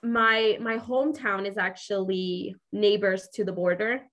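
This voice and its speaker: A woman's voice: medium pitch, fairly even intonation, measured pace, fairly bright tone. A young woman with a Mexican accent, co-hosting a casual podcast chat, talking in an earnest, reflective way with lots of fillers. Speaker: podcast co-host.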